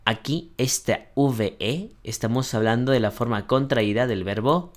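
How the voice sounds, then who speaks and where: A man teaching an online language class at a middle pitch. He explains step by step, repeating short examples and checking with "right?" after each one. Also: measured pace. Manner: explains patiently with many examples and tag questions; greets brightly in English, then explains in Spanish. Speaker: English teacher.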